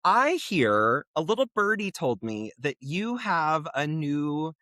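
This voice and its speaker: A man's voice: takes it slowly, dry recording. A man from Nebraska co-hosting a podcast, telling funny family stories in a casual, giggly way. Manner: animated, giggly storyteller who jumps high when excited. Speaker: podcast co-host. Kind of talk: casual storytelling chat.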